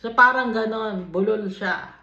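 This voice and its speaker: A woman with a Filipino accent leading a Bible study, reading verses aloud and then explaining them in an unhurried way, switching between English and Tagalog. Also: mid-range voice, creaky, sharp tone. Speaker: Bible teacher. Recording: dull, lo-fi recording in an echoey room.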